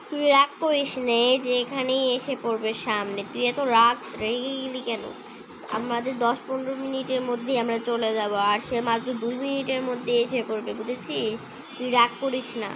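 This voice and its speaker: A woman acting out a story alone, chatty and bossy with her friend. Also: on the high side. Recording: noisy home recording.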